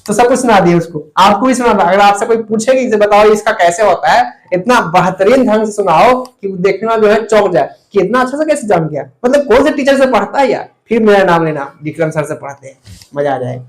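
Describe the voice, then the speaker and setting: A man's voice: high voice, lively intonation, a little fast, poor audio. A young man teaching a Sanskrit grammar lesson online, talking straight to his students with playful jokey asides. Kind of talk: online classroom lecture.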